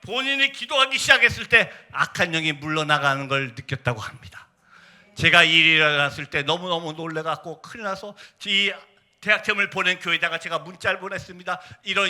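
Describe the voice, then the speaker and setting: A man's voice: fairly high pitch, brisk, pushed and bright. A male missionary preaching a fervent sermon, telling a story and urging the congregation to pray.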